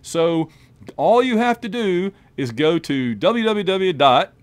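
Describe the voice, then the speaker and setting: Lively male podcast host reading sponsor thanks; high-ish, animated delivery. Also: clean tone, dry recording. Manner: brisk, lively list reading. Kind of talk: scripted read of patron names.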